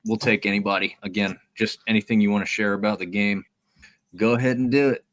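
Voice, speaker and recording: A man co-hosting a casual hockey watch-party podcast, chatty and relaxed, explaining things at length. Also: fairly low pitch, quick pace, no echo. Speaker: podcast co-host.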